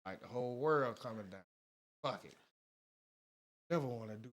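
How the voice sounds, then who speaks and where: A man's voice: mid-range voice, normal speed. A man co-hosting a podcast, talking in a laid-back, profane, casual banter. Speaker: podcast co-host.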